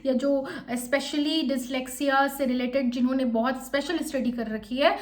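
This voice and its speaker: A young woman with a high, bright-toned voice talks quickly through interview coaching. She explains each point step by step and then models the sample answers herself. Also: fairly even intonation. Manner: fast-talking, admits speaking quickly. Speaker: teacher coaching interview candidates. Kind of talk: exam-prep lesson with modelled interview answers.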